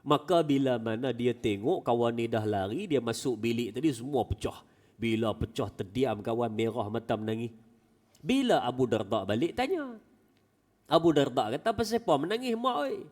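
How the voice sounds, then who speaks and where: A male preacher giving a Friday mosque sermon as an animated storyteller with folksy asides. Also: medium pitch, normal speed, long reverb tail. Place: small mosque prayer hall.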